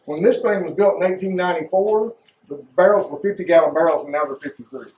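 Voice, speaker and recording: A man's voice: high-pitched, fast, slight background noise. A man guiding a tour with cave-like echo, far off. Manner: folksy, explanatory, asks the group questions. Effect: cave-like room echo. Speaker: distillery tour guide. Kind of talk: guided tour talk. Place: large bourbon barrel warehouse. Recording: echoey warehouse, distant, lo-fi phone camera.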